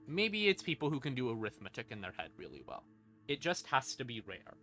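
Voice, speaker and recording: A male livestream host with a medium, slightly bright voice goes over game lore in an informal, sweary, emphatic style. Creepy ambient music sits in the background.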